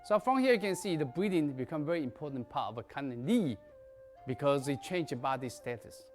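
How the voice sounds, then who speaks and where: A man's voice: on the high side, lively intonation, a little fast, soft background music. A man, a native Chinese speaker, teaching a qigong lesson in emphatic, non-native English that drops articles and verbs. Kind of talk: lecture.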